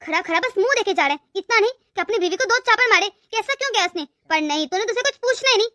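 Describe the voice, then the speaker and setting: A woman's voice: very high-pitched, expressive, fast, sharp tone, no room sound, clean studio sound, exaggerated voice. A woman voicing a cruel, scolding mother-in-law. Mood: accusing. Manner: scolding, berating. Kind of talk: cartoon story voice acting.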